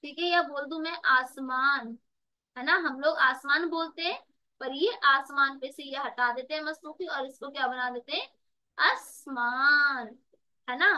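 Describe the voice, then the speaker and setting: A woman's voice: high-pitched, normal speed, bright, forceful tone, low-quality recording. A woman tutor giving an online exam-prep lesson, calling students "beta" and repeating words with rhetorical questions to the class. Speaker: Urdu tutor.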